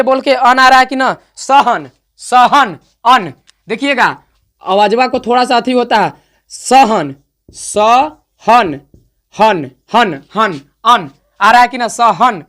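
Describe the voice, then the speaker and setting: A man's voice: very high-pitched, pushed and bright. A man teaching an online grammar lesson, talking straight to his students and saying example words aloud again and again. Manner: direct, repeats words aloud to drill pronunciation.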